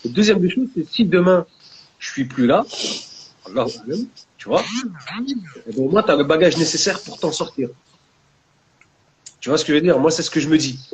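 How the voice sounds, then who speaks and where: High-ish male voice, French Maghrebi urban accent. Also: animated, brisk, pauses often, a crowd in the background, low-quality recording. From France, of Maghrebi family. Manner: street slang mixed with Arabic religious terms, frequent "tu vois". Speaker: guest, book author. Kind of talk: casual discussion.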